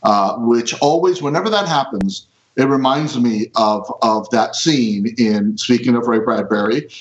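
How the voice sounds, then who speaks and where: A man's voice: mid-range voice, measured pace. A man co-hosting a podcast, chatting casually and enthusiastically. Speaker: podcast co-host. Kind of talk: casual chat. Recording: dull, lo-fi microphone sound.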